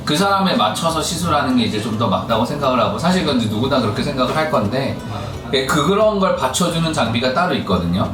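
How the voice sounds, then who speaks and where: A man explains his clinical work in a casual, conversational way. His pitch moves freely as he asks and answers his own questions. The room is echoey and the mic sounds distant. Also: animated, quick pace, music in the background. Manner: explains with rhetorical questions and acted-out quotes. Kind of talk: casual explanatory chat over drinks.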